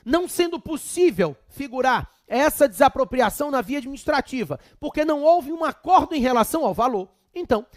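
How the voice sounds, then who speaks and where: With an extremely high-pitched voice and a Brazilian accent, a law teacher delivers a chatty exam prep lecture sprinkled with humorous asides. The recording is studio quality with no room sound.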